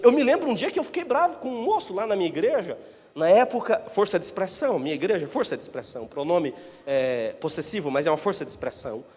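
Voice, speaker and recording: A man preaching in a church with a long, ringing reverb, his voice pitched high and leaping all over its range. He delivers a Pentecostal sermon emphatically, swinging from shouted declarations to hushed asides. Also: sing-song, quick pace. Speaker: pastor.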